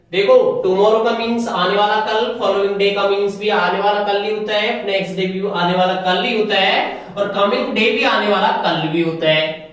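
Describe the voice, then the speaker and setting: Guy teacher doing a grammar lesson step by step, kinda high voice, mic far off, lots of echo. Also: fairly bright tone. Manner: explains step by step, asks the class questions and answers them himself. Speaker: English teacher. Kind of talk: classroom grammar lecture. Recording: very echoey room, mic far off.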